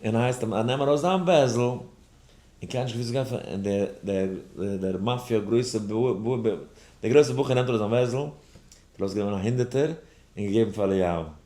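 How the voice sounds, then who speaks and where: A man, a rabbi teaching a daily study class, telling a personal story in an animated way. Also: medium pitch, normal speed. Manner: animated storyteller, acts out other voices. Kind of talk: lesson with a told personal story. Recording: roomy echo.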